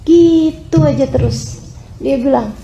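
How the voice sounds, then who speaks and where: Female preacher with a high, emphatic delivery who keeps addressing the women listening, recorded in a roomy space. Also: gravelly, mellow, a little hiss or hum. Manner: emphatic, swings between high exclamations and low drawn-out phrases; addresses her listeners as sisters again and again. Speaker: Islamic preacher. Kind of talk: sermon.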